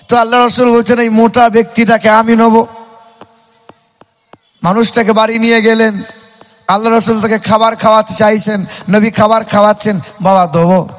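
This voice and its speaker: A man preaching a sermon, telling a story in a sing-song cadence and calling out to his listeners. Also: sits high. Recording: long hall reverb.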